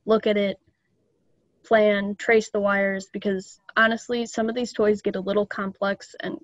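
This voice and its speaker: A woman's voice: mid-range voice, level tone, a little slow, no echo, muffled recording. A young woman casually explaining things to a club meeting, chatty and loose with ums and small laughs, over a video call. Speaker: student club presenter.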